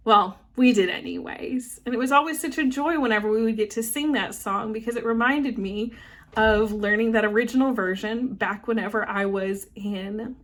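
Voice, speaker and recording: A woman's voice: fairly high pitch, a bit bright. A young woman pastor giving a devotional reflection, earnest and reflective, and she addresses her listeners as beloved.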